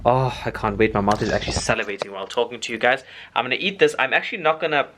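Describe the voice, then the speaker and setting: An airline cabin supervisor vlogs to camera, chatty and informal, calling his viewers guys. His mid-range voice comes out rapid-fire over a noisy background.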